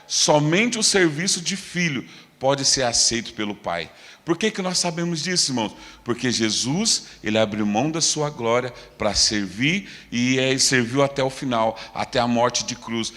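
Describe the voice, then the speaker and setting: A Brazilian man preaching a sermon with fervor, swinging between loud declarations and quiet, low asides. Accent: Brazilian Portuguese. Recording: echoey church hall.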